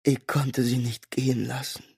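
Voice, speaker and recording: A man voicing a dying older father who speaks weakly and haltingly in an audiobook. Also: mid-range voice, flat delivery, darkish tone, dry recording, studio quality. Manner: weak, halting, breathy.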